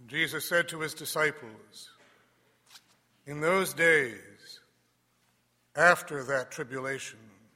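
A man, a priest, leading Mass and giving a homily in a measured, deliberate way that softens at the end of phrases, heard with a long cathedral echo. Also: on the high side. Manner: measured, deliberate, dropping softly at phrase ends. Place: large church.

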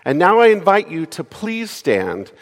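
A man speaks like a courteous funeral director, guiding mourners through practical announcements as officiant. His pitch moves up and down in a lively way. The sound rings in a large, reverberant church. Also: unhurried. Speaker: cathedral dean officiating a funeral. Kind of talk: formal but conversational welcome and announcements at a memorial service. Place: large cathedral interior.

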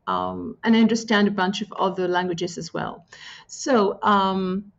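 A Greek woman, whose first language is Greek, gives reflective answers as an interview guest, her medium-pitched voice creaky and fairly even in intonation. She's thoughtful, pausing often and using fillers, and the audio is muffled.

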